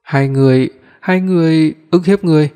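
A man's voice: on the high side, fairly even intonation, slow pace, creaky, darkish tone. A man voicing a spiteful young woman who whines and pleads with fake tears, in an audiobook. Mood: whiny. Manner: whiny, pleading. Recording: long hall reverb.

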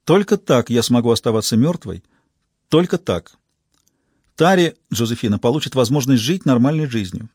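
A man voicing a weary, secretive middle-aged woman in an audiobook, speaking in a low, measured, guarded way with a husky voice. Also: lively intonation, darkish tone, dry recording, clean studio sound. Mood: grave.

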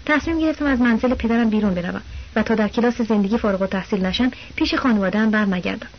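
A woman with a high voice reads a novel aloud in a steady, plain first-person storytelling manner. The audiobook recording sounds dull and lo-fi. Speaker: audiobook narrator.

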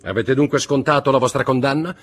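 A man's voice: medium pitch, faint music behind, pitched above the performer's own voice, close to an everyday voice. An Italian man reading an audiobook, voicing a stern nobleman disguised as a priest who questions and accuses with cold authority. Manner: commanding, accusing, measured.

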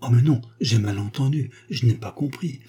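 Male reader doing a haunted old chieftain: dark, husky, anguished. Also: mid-range voice, normal speed, natural voice.

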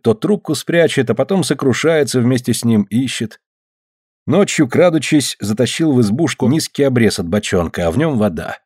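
Husky-voiced male storyteller. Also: medium pitch, dry recording, studio quality. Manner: expressive storytelling. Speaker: narrator. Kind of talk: audiobook story narration.

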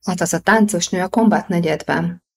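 A woman reading an audiobook voices a gossipy female assistant who speaks in a hushed, confiding way. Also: fairly low pitch, vocal fry.

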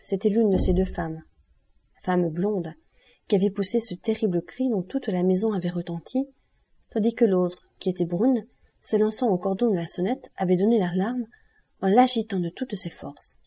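Husky, dark-voiced woman narrator. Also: mid-range voice, moderate pace. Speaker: audiobook narrator. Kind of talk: scripted narration.

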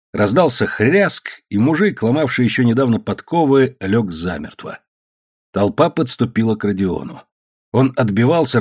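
A man's voice: medium pitch, a little mellow, breathy edge. A man narrating an audiobook in a dramatic storytelling manner.

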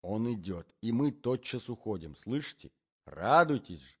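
A man voicing a stern young man who lectures and hushes in a low, reproachful voice. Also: big pitch swings, normal speed, slightly rough, dull audio, full character voice. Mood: hushed. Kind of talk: audiobook character reading.

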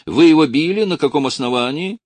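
A man voicing a fussy, indignant middle-aged official who protests in a high, agitated voice. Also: huge pitch swings, unhurried, no echo.

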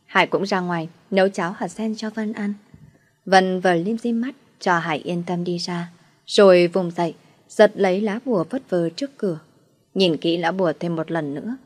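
Woman reading a story, slightly low voice. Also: normal speed. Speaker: narrator. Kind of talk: audiobook story narration.

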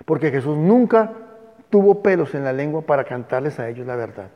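He's a Bible class teacher whose voice sits on the high side and runs fairly quick, delivered with emphasis and paused for dictating spellings to students. Echo and a dull tone mark the room recording.

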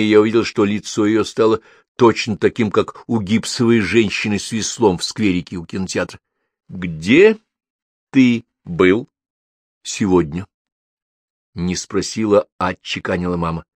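A man narrating a first-person story as an audiobook reader, in a lively, expressive reading. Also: a little fast, no echo. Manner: lively, expressive reading with wide pitch swings.

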